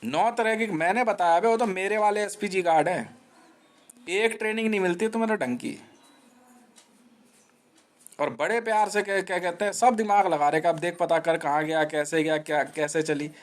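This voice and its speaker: A man's voice: sits high, animated, moderate pace. A man streaming live, rambling in a confrontational monologue, taunting listeners with slang and repeating himself. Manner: restless, repeats himself and restarts.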